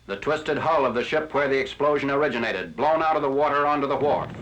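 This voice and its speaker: A man giving scripted narration for an old 1940s newsreel, in a crisp, formal announcer delivery. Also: medium pitch, fast talker, fairly bright tone. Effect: old 1940s newsreel recording. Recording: lo-fi archival newsreel audio.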